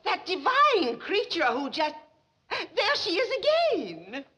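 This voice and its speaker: A woman's voice: extremely high pitch, huge pitch swings, slow, exaggerated voice. A woman playing a snobbish, gushing, middle-aged banker's wife in a 1960s TV sitcom, with a haughty, affected grande dame delivery. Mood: eager, awed. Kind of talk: 1960s television sitcom acting. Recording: noisy old television soundtrack.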